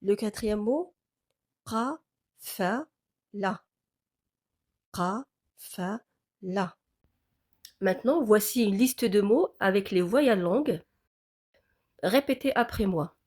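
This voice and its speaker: A woman teaching a language lesson on letters, speaking carefully and repeating each word clearly for learners to copy. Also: mid-range voice, expressive, a little slow, a little mellow. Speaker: Arabic teacher.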